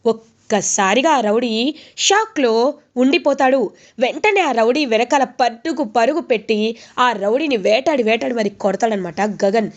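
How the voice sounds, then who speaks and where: High-voiced woman recapping a serial. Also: moderate pace, lo-fi sound. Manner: lively retelling, voicing each character's lines. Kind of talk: storytelling recap with acted quotes.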